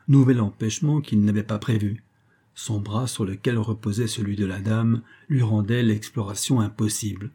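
A man narrating an audiobook of an old tale, in a measured and expressive way. His voice is very dark and mellow. It carries a husky grain throughout. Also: medium pitch. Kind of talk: audiobook reading of a classic tale.

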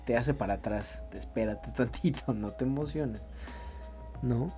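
A man co-hosting a podcast, chatting casually about song lyrics in an animated way, swearing freely and thinking aloud with restarts. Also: mid-range voice, measured pace, soft background music. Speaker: podcast co-host.

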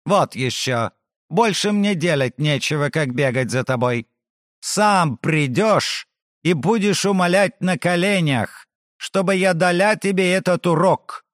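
A man's voice: sits high, lively intonation, a little slow, dry recording, clean studio sound, pitched above the performer's own voice. A man putting on a brash, teasing swordswoman. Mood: mock outrage. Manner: brash, mocking, loud. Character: teasing fiery Spanish swordswoman, a mentor. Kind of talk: audiobook character voice.

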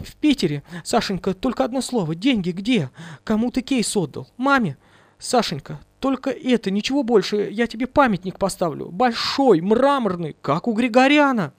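A man voicing a scheming woman desperate for money, pleading in a wheedling, high-pitched voice. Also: no echo.

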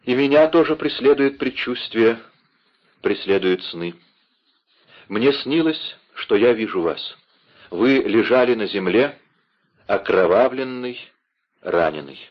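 A man's voice: medium pitch, expressive, takes it slowly, long pauses, lo-fi sound. A man voicing an anguished pleading queen. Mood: frightened. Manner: pleading, emotional. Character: anguished proud young queen, woman.

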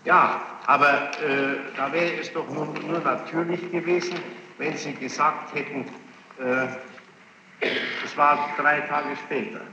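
Heard on muffled, echoey archival tape with obvious hiss and room ambience, a presiding judge in a large, reverberant courtroom presses a witness. His voice is a little high with fairly even intonation, and his speech is stern, formal, insistent, long-winded and halting.

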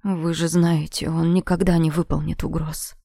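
A woman reads the part of a gruff male bodyguard with a deep bass voice. He speaks steadily and soothingly, with a gravelly, mellow tone. The recording is close and dry. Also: little pitch movement, normal speed, no room sound. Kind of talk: audiobook character voice.

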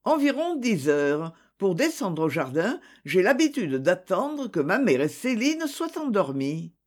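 A reader voicing Édith, a reserved young woman who answers questions in a hesitant, measured way. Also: medium pitch, big pitch swings. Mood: guarded.

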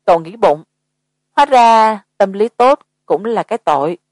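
A woman narrating a horror audiobook in an even, measured way. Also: medium pitch, no room sound. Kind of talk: scripted narration.

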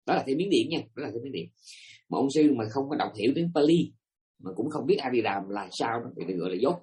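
A man's voice: mid-range voice, expressive, quick pace, darkish tone. A man giving a Buddhist dharma talk to listeners, emphatic and asking them rhetorical questions. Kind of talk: dharma talk to a live audience.

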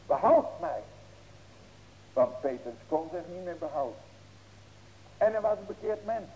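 Man in his 60s, pastor, sermon, emphatic, rhetorical questions, warm tone, slightly high pitch. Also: animated, normal speed, rough recording. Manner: earnest, building to emphatic ringing cries; folksy asides and rhetorical questions.

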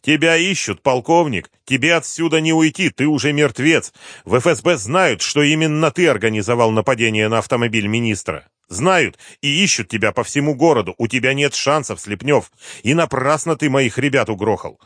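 Male reader doing the general: older, scheming, smirking and hoarse, voiced high and lively for an audiobook. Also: moderate pace, no echo, clean studio sound. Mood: mocking. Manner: smirking, taunting.

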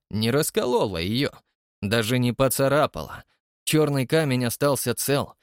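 A male narrator with a lively, swinging pitch and dramatic delivery, reading an adventure novel. He is heard close to the mic in a dry, deadened sound. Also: dry recording. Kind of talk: expressive audiobook reading.

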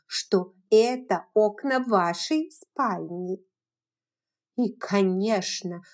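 A woman's voice: mid-range voice, close to an everyday voice. A woman voicing a prim, fussy older aunt who scolds in a reproachful tone.

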